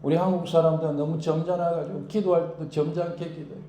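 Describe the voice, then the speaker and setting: A male pastor preaching a sermon in an animated way, acting out prayers and shouting for emphasis. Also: fairly high pitch, fast, reverberant, slight background noise. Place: church.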